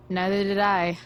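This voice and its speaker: Defiant, sarcastic teen girl, game dialogue, unhurried slangy drawl, faint ambience behind. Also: medium pitch, a little hiss or hum. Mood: sardonic, curious. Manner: dry, sardonic, halting slangy delivery. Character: sarcastic, defiant, foul-mouthed rebellious teenage girl. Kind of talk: video game dialogue acting.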